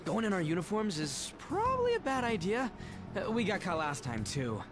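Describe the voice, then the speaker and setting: A man's voice: high-pitched, wildly swooping pitch, normal speed. Brash, grumbling teenage boy. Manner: slangy, blunt, whiny. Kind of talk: video game dialogue acting. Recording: background music under dialogue.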